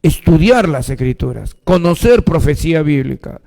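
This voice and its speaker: A Peruvian pastor preaches a sermon in a warm voice that sits high for a man, with vocal fry, lively intonation, and a moderate pace. He keeps posing questions to his congregation and answering them himself, his words trailing off into a long reverberant echo.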